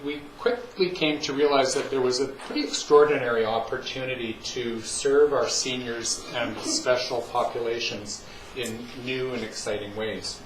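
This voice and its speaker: A man giving an earnest, measured prepared speech to a town council, with a few ums. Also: mid-range voice, fairly even intonation. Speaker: hospital representative addressing council. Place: council chamber. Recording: distant mic in echoey chamber with noise.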